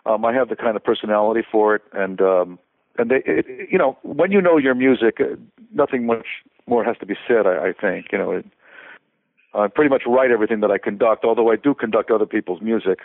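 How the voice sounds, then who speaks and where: An older man from Connecticut, USA, a conductor and composer, is a guest in a casual interview. His lowish voice moves fairly quickly over a tinny, phone-like line that sounds dry and close, with no room sound. He rambles, restarting often and using small fillers.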